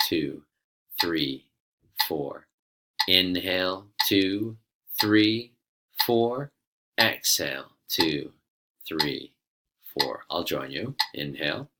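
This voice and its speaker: A man giving methodical yoga breathing instruction as a teacher, explaining and guiding in a measured way. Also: low voice, bright, forceful tone. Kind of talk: instructional explanation with guided counting.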